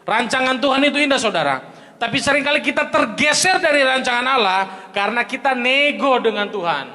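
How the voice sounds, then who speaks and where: A man preaching a sermon as pastor, emphatic and swinging between loud and soft delivery. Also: very high voice, expressive, a little fast, big-room sound. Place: large church hall.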